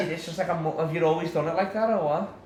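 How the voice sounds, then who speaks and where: Excitable man in an echoey club. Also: fairly high pitch, very fast. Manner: excitable, stammering restarts, swears freely. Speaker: podcast host. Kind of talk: casual chat. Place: comedy club after a show. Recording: echoey room with faint noise.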